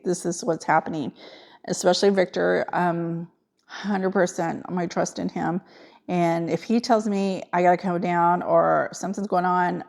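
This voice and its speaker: Middle-aged woman, low and gravelly, emotional halting personal storytelling. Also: darkish tone. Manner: halting, emotional retelling with many fillers. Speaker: nurse.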